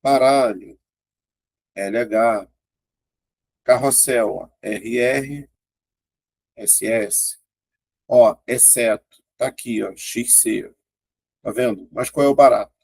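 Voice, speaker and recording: Brazilian man, grammar teacher, husky and gravelly, laid-back exam-prep style. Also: mid-range voice, slow pace, pauses often, a little mellow. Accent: Brazilian Portuguese. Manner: casual, chatty, keeps pointing things out and checking in with students.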